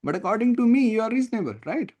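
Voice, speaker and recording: A man's voice: extremely high pitch, racing, slightly rough. A man with an Indian English accent tutoring an online class over a video call, often checking whether students follow. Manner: lively, questioning, checks understanding often. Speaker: test prep tutor.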